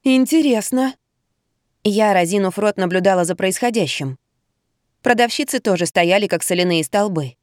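A woman narrates a first-person audiobook with a wry, lively touch. Her pitch sits in the middle, and the sound is dry and close to the mic. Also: normal speed, dry recording.

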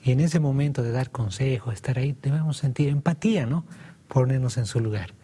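A man's voice: mid-range voice, brisk, mellow, husky. A man hosting a casual discussion, affirming the others and putting questions to them. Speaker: host.

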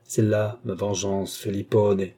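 A man's voice: lowish voice, flat delivery, takes it slowly, warm tone, husky. A man reading aloud, voicing an old former hussar servant who harshly and coldly takes revenge on his master. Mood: grim. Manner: harsh, commanding, contemptuous.

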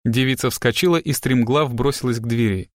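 A male audiobook narrator reads in an even, measured way, with a voice of ordinary middle pitch. The recording is close and completely dry, with no room sound. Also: no room sound. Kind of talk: scripted narration.

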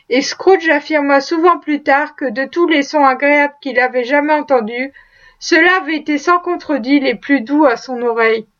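A woman narrating a classic Christmas tale as an audiobook, measured and storytelling, lightly voicing the characters. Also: high-pitched, a bit bright, muffled recording.

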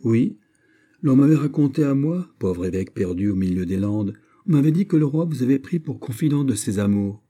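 A man voicing Aramis, an aging, subtle and wary bishop, in an audiobook reading, with a smooth, probing, mildly ironic manner. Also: medium pitch, lively intonation, a little fast, warm tone, voice pushed up, natural voice.

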